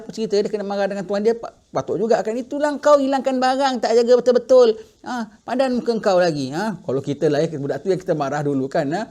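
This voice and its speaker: A middle-aged man teaching a religious class, telling a story with lively acted-out quotes. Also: high-pitched. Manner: animated storytelling, acting out quoted voices. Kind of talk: sermon storytelling in Malay.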